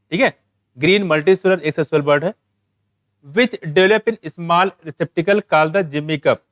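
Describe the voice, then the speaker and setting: A man teaching a biology exam-prep lecture, asking questions and answering them himself, reading English textbook lines slowly. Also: a little high, dry recording.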